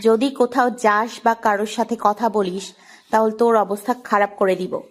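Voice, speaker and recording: A woman's voice: on the high side, steady tone, normal speed, close to an everyday voice. A woman playing a scornful bossy young wife. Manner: harsh, contemptuous, bossy. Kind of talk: audio drama acting.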